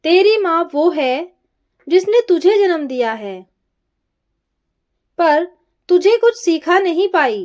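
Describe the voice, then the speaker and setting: A woman's voice: very high voice, lively intonation, takes it slowly, pauses often, darkish tone, full character voice. A woman voicing an angry older mother-in-law who scolds in a raised voice while reading a story. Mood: angry, scolding.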